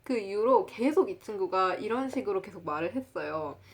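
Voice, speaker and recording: A woman in her twenties casually telling a personal story to the camera, laughing often and acting out quotes in a loud high voice. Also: animated, moderate pace. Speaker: vlogger.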